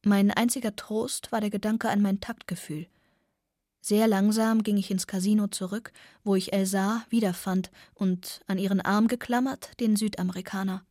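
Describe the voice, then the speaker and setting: Breathy woman reading a novel softly. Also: medium pitch, steady tone, normal speed, dry recording, studio quality. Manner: soft, often drops to a near whisper. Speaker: audiobook narrator. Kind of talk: first-person novel reading.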